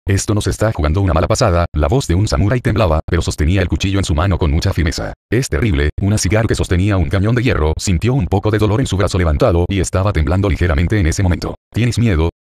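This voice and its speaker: Male narrator for a serialized novel audiobook: deep voice, quick steady read. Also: no echo, clean studio sound. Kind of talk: audiobook reading of a translated web novel.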